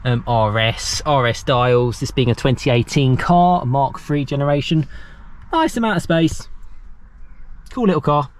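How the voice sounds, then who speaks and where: A man's voice: medium pitch, measured pace. A young man giving a casual walkaround car review outdoors, chatty and loose, laughing between lines. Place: outdoors beside cars.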